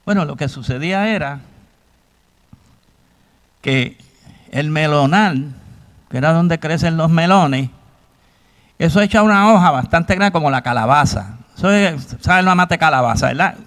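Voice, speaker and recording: Man, sermon, rhetorical questions to the congregation, fairly high voice. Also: a little slow, long pauses, a bit bright. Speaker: preacher.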